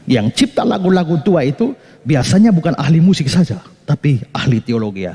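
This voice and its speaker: A male pastor preaching an animated sermon, breaking into short sung hymn phrases and answering his own questions. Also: a little high, fairly quick, breathy edge. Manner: asks the listeners questions and answers them himself. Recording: long hall reverb.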